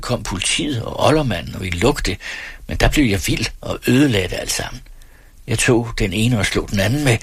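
A man voicing a drunk, boastful, hot-tempered estate steward who talks loudly and haughtily. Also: fairly low pitch, husky, no echo. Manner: loud and haughty.

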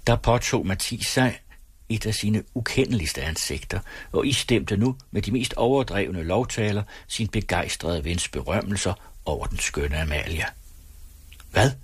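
A male narrator reads a story in a measured, storytelling manner. His voice is deep and husky. The recording is dry and close to the mic. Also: animated, no room sound. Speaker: audiobook narrator. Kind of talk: scripted narration.

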